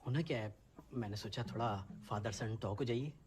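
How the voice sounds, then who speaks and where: A man's voice: mid-range voice, brisk, lightly acted. An actor playing a fumbling middle-aged father who stammers and lectures his son awkwardly. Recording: film scene with background music.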